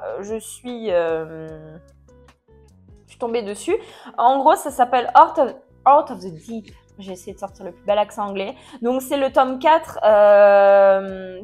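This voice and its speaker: A woman giving a casual book review chat, chatty and jokey, with mock dismay and quick self-corrections. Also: on the high side, darkish tone.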